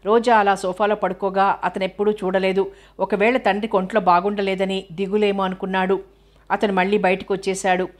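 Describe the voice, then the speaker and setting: A woman narrates a novel for an audiobook. Her reading is steady and measured, with a flat, even melody. Her voice sits at a middle pitch.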